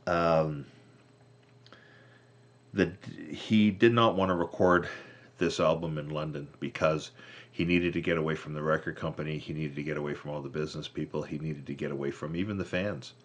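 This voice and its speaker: Very deep-voiced rambling man. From Canada. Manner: rambling, self-correcting, casual swearing. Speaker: musician. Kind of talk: casual vlog monologue.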